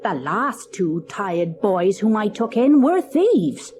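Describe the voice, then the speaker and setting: A woman's voice: medium pitch, sing-song, slow pace, background noise. A woman putting on a stern scolding ogre's wife. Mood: firm. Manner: firm, scolding. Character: stern ogre's wife, a giantess refusing a stranger. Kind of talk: storybook cassette acting.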